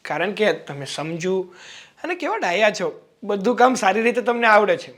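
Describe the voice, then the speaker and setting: A man's voice: sits high, expressive, normal speed. A young man acting a younger brother-in-law who coaxes and lectures his sister-in-law, in a family drama. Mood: flattering. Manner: coaxing, then loud and exasperated.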